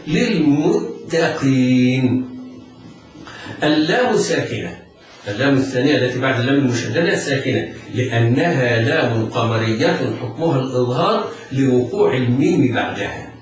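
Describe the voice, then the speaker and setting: A man teaching Quran recitation rules, explaining each sound step by step and chanting the examples slowly. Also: mid-range voice, animated, a little hiss or hum. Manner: patient step-by-step explaining, drawn-out chanted demonstrations. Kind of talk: tajweed lesson with recited examples. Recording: very echoey, distant mic, faint music.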